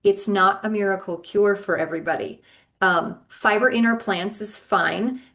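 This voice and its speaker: A woman's voice: medium pitch, normal speed, a bit bright. Earnest woman health coach explaining. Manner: earnest, explanatory, frequent ums. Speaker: functional health coach guest. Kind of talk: advice in casual interview.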